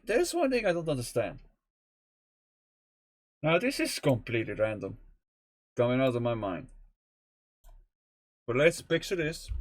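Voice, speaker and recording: A young Estonian streamer, a native Estonian speaker, muses aloud unhurriedly in rambling gameplay commentary, his pitch swinging widely from line to line. He talks loosely and chattily, swearing casually, in a dry, close recording with no room sound.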